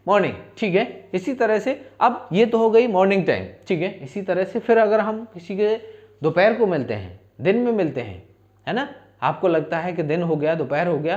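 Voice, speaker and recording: A man's voice: high-pitched, darkish tone, muffled recording. A male teacher giving a spoken-English lesson, asking questions and answering them himself in repeat-after-me drills.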